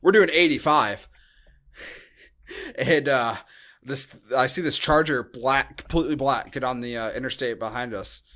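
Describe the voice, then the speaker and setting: An American man co-hosts a podcast, joking and rambling through a casual movie review. His medium-pitched voice is pushed and bright, and he speaks a little slowly.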